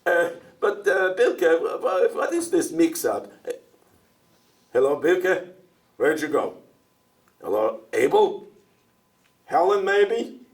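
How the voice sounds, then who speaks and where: A man's voice: on the high side, very animated, slow pace, pauses often. A chatty old immigrant dairyman. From Russia. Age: older. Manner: talkative, joking, stammers and asks back. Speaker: stage actor in a one-man show. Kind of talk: theatrical monologue. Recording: stage voice heard from far off.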